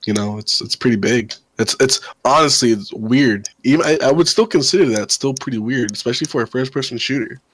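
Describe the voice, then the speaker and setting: A man's voice: medium pitch, brisk, few pauses, a bit bright, slight background noise. A man on a casual gaming podcast, talking hesitantly and repeating words. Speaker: podcast co-host.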